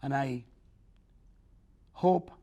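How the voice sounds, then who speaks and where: Closing out his talk as an author, an older man addresses the audience in an earnest, sermon-like way with plain wording and dramatic shifts from loud to soft. His voice is mid-range, he draws out his words, and the sound is lo-fi.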